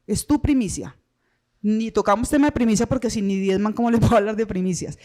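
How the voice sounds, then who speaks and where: A woman's voice: on the high side, dark tone. A woman with a Colombian accent, a pastor teaching a church finance seminar in a preachy, personal way and acting out little dialogues.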